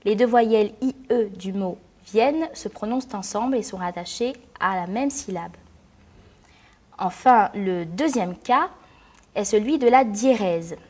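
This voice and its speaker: A woman teacher narrating a scripted lesson in a clear, measured, explanatory way. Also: mid-range voice, darkish tone. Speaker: French teacher.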